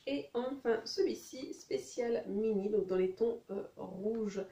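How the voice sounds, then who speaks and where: A woman's voice: medium pitch, slow pace, warm tone, echoey room, distant mic. A woman talking casually and hesitantly through a beauty haul, with many fillers. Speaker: beauty vlogger.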